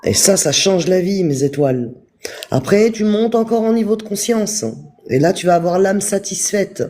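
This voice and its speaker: A man giving a calm, repetitive spiritual talk on a live stream, speaking straight to his viewers. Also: high-pitched, moderate pace. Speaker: spiritual teacher.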